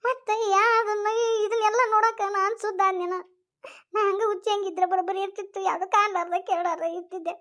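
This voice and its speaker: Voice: steady tone, quick pace, bright, forceful tone. A voice actor playing a grieving village mother with a North Karnataka accent, crying and pleading. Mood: distraught. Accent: North Karnataka Kannada. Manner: high-pitched, sobbing and pleading. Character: grieving middle-aged village mother, distraught.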